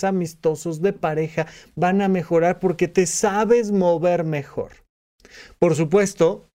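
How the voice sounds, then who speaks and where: A psychiatrist hosting a solo podcast, explaining calmly and now and then acting out short quoted lines. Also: male voice, on the high side. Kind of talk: reflective solo podcast talk.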